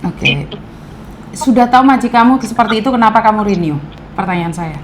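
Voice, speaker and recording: Woman host, mid-pitched, calm blunt advisor, noisy room. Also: brisk. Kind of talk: casual chat.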